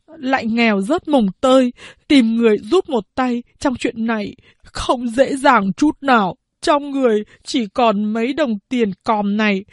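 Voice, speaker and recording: A woman voicing a poor aging peasant man who weeps, stammers and begs, her breathy voice pitched high and strained. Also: no room sound, clean studio sound. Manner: sobbing, stammering with many hesitations.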